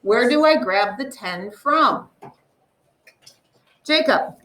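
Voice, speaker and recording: A woman teacher walks a class through a math problem at a slow, careful pace. Her voice sits high and clear, and she often draws a number out to let it sink in. The classroom mic picks her up from a few steps away. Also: expressive, pushed and bright, recorded from a distance, rough recording. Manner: slow, deliberate explaining, drawing out numbers.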